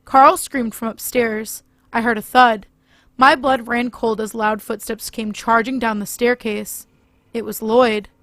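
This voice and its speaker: A woman's voice: on the high side, fairly even intonation, unhurried, a bit bright, no echo. Woman narrating a horror story.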